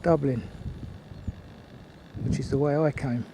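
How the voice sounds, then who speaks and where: An older man giving a casual, unhurried, observational commentary as he films a walk outdoors. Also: mid-range voice, fairly even intonation. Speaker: hiking vlogger. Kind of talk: casual walking commentary to camera. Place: outdoors on woodland and mountain trail. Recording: outdoor ambient noise.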